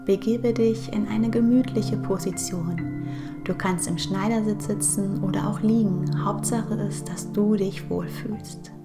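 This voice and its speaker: Woman, soft hushed meditation guide, calm slow phrasing, frequent vocal fry, strong background music. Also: medium pitch. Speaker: podcast host and meditation guide. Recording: music bed under the voice.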